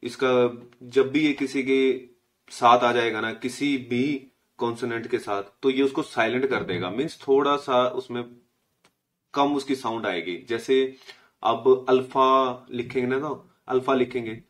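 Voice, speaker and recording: Young man teaching, from India, patient explanations, slow repeated letter sounds, mid-pitched voice. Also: fairly even intonation. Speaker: language teacher. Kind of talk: casual spoken lesson.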